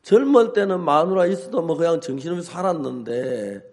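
Older guy pastor preaching, high gravelly voice that jumps all over, funny stories. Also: fairly quick. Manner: animated storytelling, acts out shouts. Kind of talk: humorous sermon.

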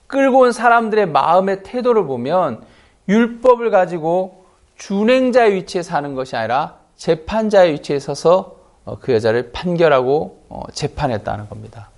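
한 남자 목사가 회중에게 반복해서 질문을 던지며 힘주어 설교한다. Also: male voice, high-pitched, creaky. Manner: emphatic, rhetorical questions to the congregation. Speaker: pastor. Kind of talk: sermon.

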